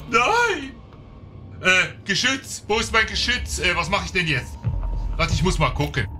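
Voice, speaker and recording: A man giving casual let's-play commentary, chatting to his viewers and getting excited in fights. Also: medium pitch. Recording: game music behind the voice.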